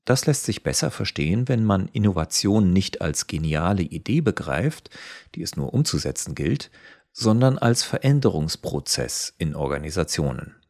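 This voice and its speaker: Low male narrator, steady scripted read, dry studio sound. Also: dry recording. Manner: even, measured reading. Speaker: article reader.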